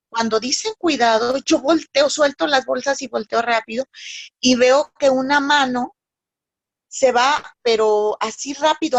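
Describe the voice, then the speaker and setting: A woman telling a personal story in a talk on addiction, pausing often between phrases. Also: a little high, vocal fry, dry recording. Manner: halting storyteller with pauses. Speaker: speaker on addictions.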